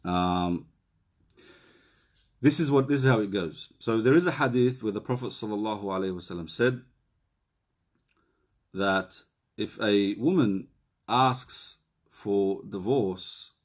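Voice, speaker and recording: A middle-aged man giving relationship counselling in a live question and answer session, chatting casually, reading out viewer questions and slowing down to repeat key points. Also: fairly low pitch. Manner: conversational, reads out viewer questions; slows down and repeats key phrases.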